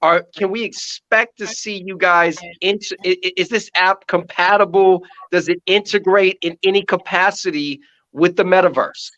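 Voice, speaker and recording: A man's voice: sits high, fairly even intonation, a bit bright. Man hosting over lo-fi livestream audio. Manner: chatty, quick follow-up questions. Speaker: show host. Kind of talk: casual livestream interview. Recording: dull lo-fi phone livestream sound.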